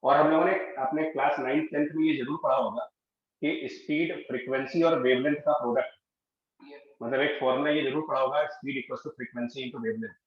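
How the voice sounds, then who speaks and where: A man's voice: a little high, steady tone, fairly quick. A man with an Indian accent teaching a live physics class, explaining step by step and checking in with his students. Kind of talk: live online physics lecture. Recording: echoey room, dull lo-fi sound.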